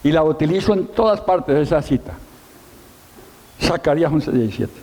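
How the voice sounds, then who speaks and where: A middle-aged pastor preaches in a church hall with long reverb. His voice is mellow and fairly high for a man. He tells his story with emphasis and self-mocking humor. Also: animated, moderate pace. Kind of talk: sermon.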